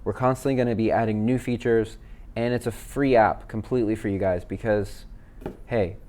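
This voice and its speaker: A man, a worship leader, walking viewers through app features in a relaxed, chatty way with fillers. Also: on the low side, normal speed. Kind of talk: casual software demo. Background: backing tracks playing.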